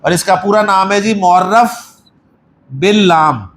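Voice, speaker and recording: A man's voice: high-pitched, unhurried, fairly bright tone, echoey room, slight background noise. A male teacher with a Pakistani Urdu accent giving a Quran Arabic lesson in a mosque class, patiently quizzing students and praising their answers.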